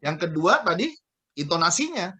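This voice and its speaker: A man, a guest trainer on a radio talk show, explaining communication with lively examples. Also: high-pitched, normal speed, slightly rough. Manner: lively explaining, acts out scolding boss voices.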